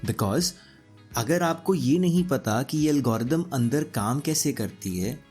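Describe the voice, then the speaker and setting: A man's voice: medium pitch, expressive, measured pace, darkish tone, breathy edge, soft background music. A man with a sore throat teaching a casual lecture, explaining step by step and often checking in with his students. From Punjab.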